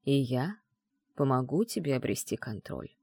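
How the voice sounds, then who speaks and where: A man's voice: normal speed, gravelly, breathy edge, dry recording, studio quality, heavily acted. Man playing a smug, commanding mage. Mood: mocking, calm. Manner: calm, mocking, low-voiced taunts. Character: arrogant, commanding male mage mentor. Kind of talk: audiobook dialogue reading.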